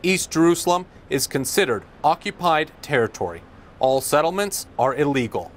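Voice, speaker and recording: A man delivering a field news report as a foreign correspondent, speaking outdoors in measured, formal tones. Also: a little high, animated. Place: outdoors on a city street.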